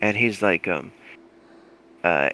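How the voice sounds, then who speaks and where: Low gravelly guy running a tabletop game, rambly, lots of ums, bright edge. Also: slow, soft background music. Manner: loose and rambling, many fillers. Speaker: game master.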